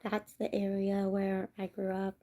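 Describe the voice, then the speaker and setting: A young woman from California hosts a casual livestream, talking to her viewers in a soft-spoken way that often drops into a whisper. Her voice is mellow and dark with a gravelly fry, and she takes her time. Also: mid-range voice, completely flat delivery, measured pace. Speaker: livestream host.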